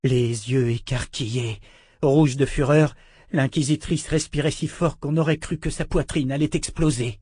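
A man narrates an audiobook in a measured, dramatic reading voice. His pitch sits in the middle range. The recording is dry and close, with no room echo. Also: steady tone, mellow, husky.

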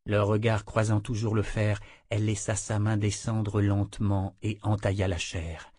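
A man narrating a fantasy novel in a measured reading voice, voicing the dialogue himself. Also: on the low side, flat delivery, dark tone, no room sound, studio quality. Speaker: audiobook narrator.

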